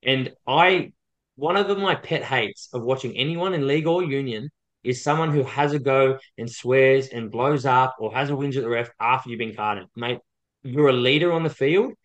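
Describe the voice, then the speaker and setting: A man's voice: mid-range voice, normal speed, dull audio. A man giving opinions on sport as a podcast co-host, blunt, emphatic and heated.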